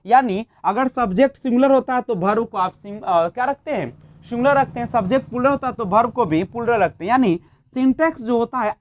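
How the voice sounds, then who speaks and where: A woman's voice: fairly high pitch, dry recording, lo-fi sound. A woman teaching a child-development lesson for a teaching exam, asking questions and answering them herself, mixing English terms into her speech. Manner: mixes English terms into Hindi. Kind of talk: exam-prep lecture.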